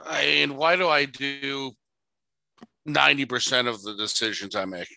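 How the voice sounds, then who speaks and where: A man's voice: mid-range voice, moderate pace, vocal fry, sharp tone, no echo, low-quality recording. A man co-hosting a podcast in casual chat, crude and joking, laughing often. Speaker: podcast co-host.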